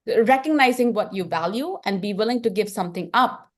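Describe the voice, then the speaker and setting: A woman's voice: medium pitch, lively intonation, brisk. A middle-aged woman with an Indian accent, a film director talking earnestly in an interview and thinking aloud with frequent restarts. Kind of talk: reflective interview talk.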